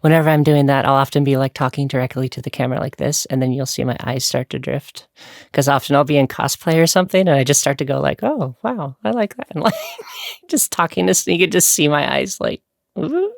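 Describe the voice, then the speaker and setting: A woman's voice: a bass voice, fairly even intonation, fast, gravelly, no echo, clean studio sound. A woman hosting her channel, chatting candidly and rambling with frequent giggles. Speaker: YouTuber host. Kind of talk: casual chat.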